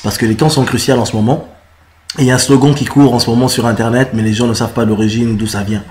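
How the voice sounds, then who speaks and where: A man from the Congo talks straight to the camera about his cause. His is marked, and his speech keeps stopping on fillers and restarts. His voice sits at an ordinary middle pitch. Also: fairly even intonation, a little mellow, slight background noise. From Republic of the Congo. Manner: halting, many "euh" fillers and restarts. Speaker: musician and citizen activist. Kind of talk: casual direct-to-camera explanation.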